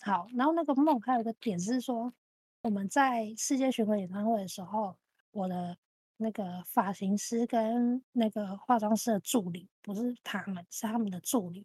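Husky-voiced woman telling a story. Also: medium pitch, no echo. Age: 30s. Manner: animated storytelling, repeats phrases. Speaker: podcast co-host. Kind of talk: casual chat.

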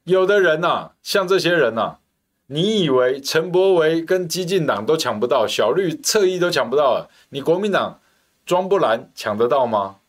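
A man's voice: a little high, animated, normal speed. A middle-aged man from Taiwan hosting a political talk show, delivering a scornful, heated monologue full of hammering rhetorical questions.

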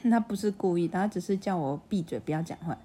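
A woman's voice: on the low side, fast talker, dark tone, breathy edge. A young woman, chatting casually on a podcast about her childhood, often restarting her sentences. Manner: chatty, restarts a lot, acts out childish voices in quotes. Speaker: podcast co-host telling childhood stories. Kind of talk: casual chat. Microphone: desk USB condenser mic.

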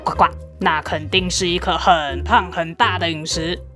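A woman voicing a croaking pond frog in a children's storybook, dropping into a deep, croaky voice. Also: fairly even intonation, normal speed, music in the background, close to an everyday voice. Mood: grumbling.

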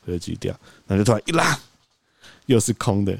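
A man, co-hosting a podcast, telling a story in an animated way and acting out quoted lines. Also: fairly low pitch, quick pace, vocal fry, dry recording. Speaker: podcast co-host. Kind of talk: casual storytelling chat.

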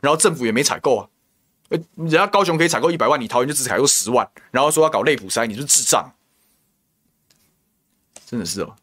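Racing along in an animated, mid-range voice with a fairly bright tone, this host speaks with a Taiwanese Mandarin accent. His political talk show commentary is heated and indignant, crammed with rhetorical questions and name-calling.

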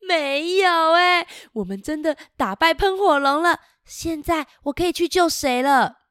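Woman putting on a sweet clever princess voice, high and bouncy. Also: expressive, measured pace, fairly bright tone, no room sound, studio quality. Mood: cheerful. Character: brave clever young princess.

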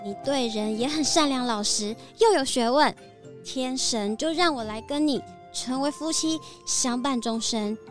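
A gentle dove fairy bride from a storybook, as a storyteller puts her on, high and sweet and earnest. Her voice sounds a little set apart from the narration, over faint music. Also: a little slow. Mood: tender.

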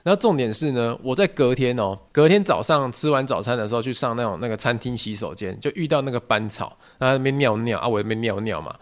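Fast-talking man. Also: mid-range voice. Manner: animated, joking, mock-outraged. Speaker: podcast host. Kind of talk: solo storytelling podcast.

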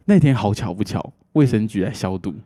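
A man with a Taiwanese Mandarin accent, co-hosting a podcast and telling animated stories in casual chat. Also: on the low side, breathy edge. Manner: animated storyteller, drawn-out phrasing. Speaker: podcast co-host.

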